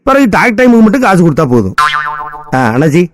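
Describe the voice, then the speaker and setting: A man's voice: high-pitched, very animated, fast. A man with a Tirunelveli Tamil accent, chatting in a folksy, storytelling way in a scripted radio ad. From Tirunelveli, Tamil Nadu. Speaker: radio ad character, Mobile Vaayan.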